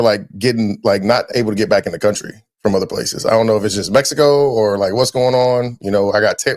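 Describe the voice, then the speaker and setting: A man hosting a podcast, chatting casually and telling lively stories, dropping "man" often. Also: lowish voice. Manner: animated storyteller, quick, slangy, says "man" a lot. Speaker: podcast host.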